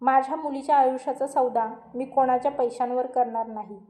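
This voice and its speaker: A woman voicing a middle-aged father who speaks calmly and firmly. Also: high voice, fairly quick, close to an everyday voice. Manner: calm and firm. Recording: roomy echo.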